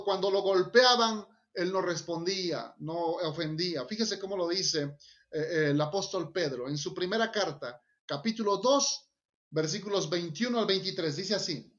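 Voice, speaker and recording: A male pastor delivering a sermon in a high voice, swinging between raised and hushed emphasis as he acts out scripture dialogue. The recording is dull and lo-fi. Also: moderate pace. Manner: retells scripture with acted dialogue, rising and falling emphasis.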